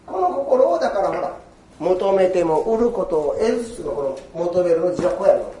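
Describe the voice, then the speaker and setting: An older man with a giving a Buddhist sermon in an animated storytelling manner, acting out quoted exchanges. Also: high voice, moderate pace. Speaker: Buddhist preacher. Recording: echoey hall from far off.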